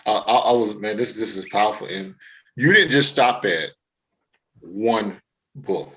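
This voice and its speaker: A male podcast co-host with a somewhat low voice. He sounds enthusiastic and admiring as he praises his guest and asks about her work. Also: measured pace, a bit bright, a little hiss or hum, rough recording. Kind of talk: podcast interview.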